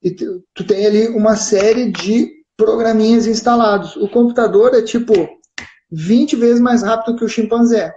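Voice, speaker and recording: A man's voice: sits high, fairly even intonation, normal speed, mellow, a little hiss or hum. A man with a southern Brazilian gaúcho accent, co-hosting a live stream and explaining patiently, often checking in with "né?" and "certo?". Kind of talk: explanatory casual chat. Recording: roomy, dull live-stream audio.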